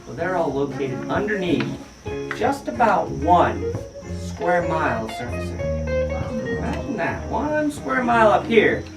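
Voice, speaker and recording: High-voiced American man, echoing cave guide. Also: very animated, measured pace. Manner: folksy, addresses the group with questions. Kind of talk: guided tour talk with storytelling. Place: inside a cave with a tour group. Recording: echoey, distant, with guitar music underneath.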